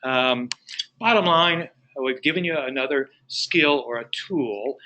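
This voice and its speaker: Guy running a training webinar, folksy and encouraging, bright voice. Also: medium pitch, rough recording. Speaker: real estate business trainer.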